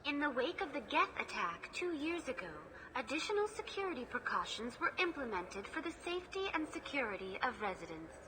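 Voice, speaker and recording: A woman's voice: high-pitched, very animated, brisk, few pauses, background noise. A woman voicing a polite female AI information hologram who speaks in formal, scripted phrases. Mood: courteous.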